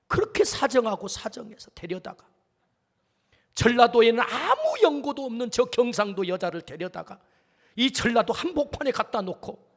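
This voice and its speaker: A man's voice: very high voice, big-room sound. A male pastor giving an earnest storytelling sermon, acting out the quotes in it. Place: church sanctuary.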